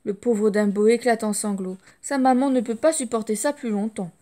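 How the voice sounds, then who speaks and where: A woman reading a children's storybook aloud, lively and expressive. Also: a little high, moderate pace. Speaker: audiobook storyteller.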